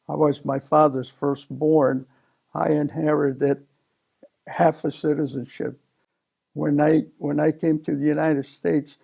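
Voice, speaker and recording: A man in his seventies, from Italy, telling his life story slowly in an oral history interview, with many pauses and fillers. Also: on the high side, gravelly, dark tone, husky. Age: 70s. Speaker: interview guest.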